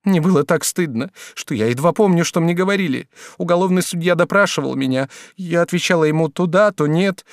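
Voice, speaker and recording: A man voicing a timid, frightened young woman who pleads in a drawn-out high voice. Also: dry recording, studio quality, natural voice. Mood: ashamed.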